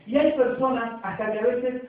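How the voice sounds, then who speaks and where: An Argentine man preaches with a high voice, talking conversationally and checking in with his listeners through frequent tag questions. He is heard from far off in a very echoey church, through a thin, phone-like sound. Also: steady tone, normal speed. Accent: Argentine Spanish. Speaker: pastor. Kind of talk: sermon.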